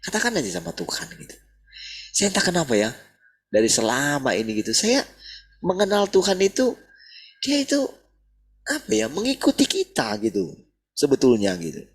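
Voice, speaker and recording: Male preacher, husky voice, lively pitch, casual sermon delivery. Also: moderate pace, long pauses. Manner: animated, repeats "gitu" often. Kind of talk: sermon over video call.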